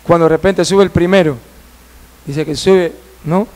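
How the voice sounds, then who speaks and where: A man preaching as a missionary, telling a story in an animated sermon and acting out its dialogue. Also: on the high side, unhurried.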